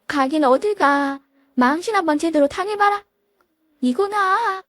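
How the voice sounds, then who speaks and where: Woman voicing a shrill, sneering young lawyer sister-in-law. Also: sing-song, moderate pace, no room sound.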